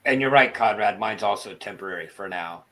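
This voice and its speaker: Low-voiced man lisping through missing front teeth. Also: fairly quick, a bit bright. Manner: storytelling, self-deprecating. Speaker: livestream participant and former broadcaster. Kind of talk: casual livestream chat.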